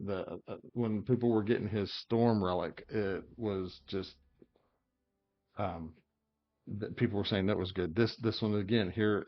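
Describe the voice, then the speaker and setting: A man's voice: fairly low pitch, dull audio. A man talking casually through character builds in a game, thinking aloud with lots of fillers and hiccups. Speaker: game guide creator. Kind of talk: casual gameplay commentary.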